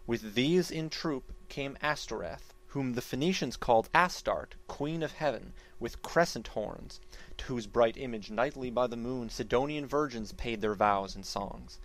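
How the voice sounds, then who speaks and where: A man giving a theatrical dramatic reading of archaic epic poetry, declaiming it like a stage actor with solemn, deliberate phrasing that swells and falls. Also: medium pitch, a bit bright, poor audio. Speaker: narrator reading an epic poem.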